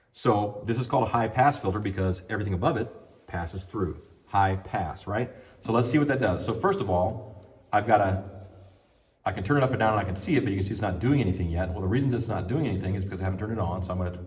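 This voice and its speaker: An audio trainer gives a casual, hands-on lesson in sound mixing, describing what he does as he adjusts a mixing console and talks into a handheld microphone. His voice is low and a little mellow.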